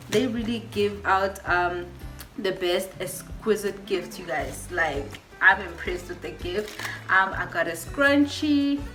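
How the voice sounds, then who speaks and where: A woman hosts a hair unboxing video in a gushing, repetitive way, calling her viewers "you guys" again and again. Her voice sits at an ordinary middle pitch. The room gives it a clear echo, and faint music plays underneath. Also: fairly bright tone. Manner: gushing, repeats herself, says "you guys" often. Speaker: hair vlogger. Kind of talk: excited product unboxing.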